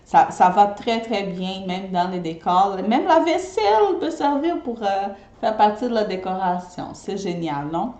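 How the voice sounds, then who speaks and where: In a reverberant space, an eco-friendly party decorator chats casually on a live video, her medium-pitched voice warm and sing-song, unhurried with few pauses. Originally from Brazil with Portuguese as her first language, she speaks French in a mixed Brazilian and Québécois accent, frequently checking in with viewers by saying "ok?".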